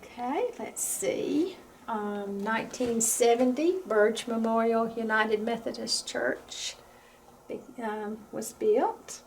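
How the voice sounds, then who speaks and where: A woman giving an informal museum tour as a guide, speaking calmly and a little hesitantly. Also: fairly high pitch, takes it slowly, low-quality recording. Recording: steady background noise, room ambience.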